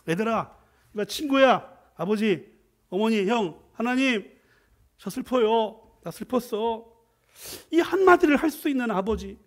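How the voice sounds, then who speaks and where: A middle-aged man preaching a Friday prayer sermon as a guest professor, joking and swinging from loud exclamations to quiet asides. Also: sits high.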